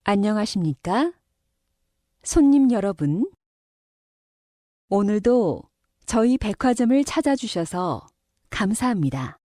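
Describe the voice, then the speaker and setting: A woman's voice: mid-range voice, big pitch swings, takes it slowly, pauses often, mellow, no echo, studio quality. A woman reading scripted public announcements for a language listening test in a polite, formal, carefully enunciated way.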